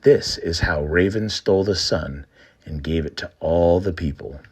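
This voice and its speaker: A man narrating a scripted trickster folktale and explaining it in an expressive storytelling manner. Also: sits low, measured pace, husky. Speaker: storyteller and presenter.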